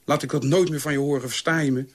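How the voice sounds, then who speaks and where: A man's voice: on the high side, fairly even intonation, quick pace, lightly acted. A man voicing a weary, strict mother who tries to protect her sons. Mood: stern. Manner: stern, hushed.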